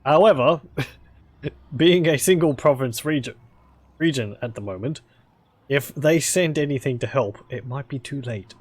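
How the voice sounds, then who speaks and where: A man's voice: mid-range voice, a little slow, long pauses, husky, no echo. A man hosting a casual strategy game playthrough, musing aloud and joking as he plays. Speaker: gaming video host.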